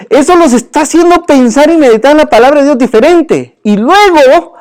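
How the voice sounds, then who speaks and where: Animated man teaching Bible class. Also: very high voice. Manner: animated, joking, questions the class and calls them brother. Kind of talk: church Bible class lecture. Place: church classroom.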